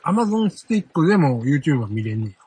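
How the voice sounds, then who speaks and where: Quick easygoing man with an Osaka accent. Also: on the high side, big pitch swings, darkish tone, slightly rough. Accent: Osaka dialect. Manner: easygoing, short agreeing replies. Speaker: podcast co-host. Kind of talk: casual chat.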